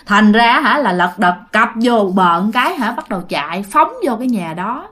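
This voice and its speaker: A woman with a Southern Vietnamese accent narrating a ghost story in a chatty way, speaking straight to her listeners and often sinking to a hushed murmur. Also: medium pitch, expressive, moderate pace. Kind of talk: casual spoken storytelling.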